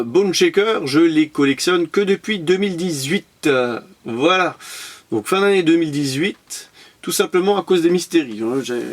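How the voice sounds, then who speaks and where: A man from France chatting casually in a vlog as he shows off his toy-car purchases, rambling and repeating himself. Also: medium pitch. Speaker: collector presenting his purchases.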